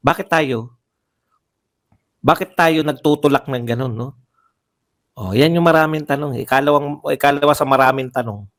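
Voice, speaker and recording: A man's voice: medium pitch, moderate pace, long pauses. A man giving heated livestream political commentary, firing off rhetorical questions and repeating phrases for emphasis.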